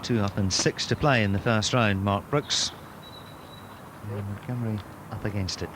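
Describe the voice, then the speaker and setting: A man commentating on televised golf in measured, clipped descriptive phrases with pauses. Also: fairly low pitch, fairly even intonation. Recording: clear outdoor course noise behind voice.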